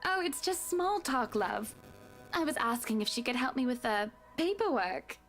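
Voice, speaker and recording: A woman's voice: sits high, lively intonation, normal speed, fairly bright tone, soft background music. A woman voicing a snobby, sweetly condescending rich woman in a game playthrough.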